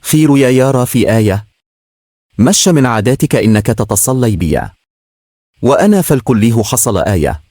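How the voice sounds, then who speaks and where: A man's voice: medium pitch, sing-song, normal speed, long pauses, darkish tone, no echo, clean studio sound. A man reading a story aloud, voicing a polite, reserved young female student with an Egyptian accent. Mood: worried. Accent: Egyptian Arabic.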